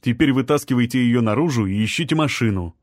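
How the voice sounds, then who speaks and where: A man voicing a composed lawyer who gives calm, firm instructions during a rescue. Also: medium pitch, fast, dry recording, studio quality, close to an everyday voice.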